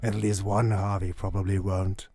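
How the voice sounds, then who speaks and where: An actor playing a theatrical, psychopathic clown crime boss in a motion comic, creaky-voiced and drawling with mock-friendly menace. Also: male voice, low-pitched, level tone, normal speed, mellow, soft background music. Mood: taunting. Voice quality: gravelly, creaky.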